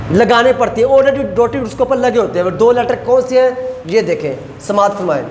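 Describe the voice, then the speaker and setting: A male teacher gives a recorded classroom lecture, going over each point slowly and repeating sounds for his students. The room is echoey and the reverb lingers. A faint hum sits behind his voice. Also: very high voice. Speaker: language teacher.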